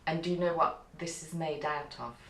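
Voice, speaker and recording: In a frank, reflective conversation for a documentary, a middle-aged interpreter from a non-English-speaking country outside the UK speaks in a deep but slightly bright voice at a moderate, unhurried pace. She isn't a native English speaker, so she hunts for words and repeats some, and the echoey room carries a background hiss.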